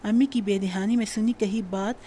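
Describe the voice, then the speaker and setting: A woman narrating a romance novel audiobook in an even, measured reading. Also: medium pitch, a little hiss or hum.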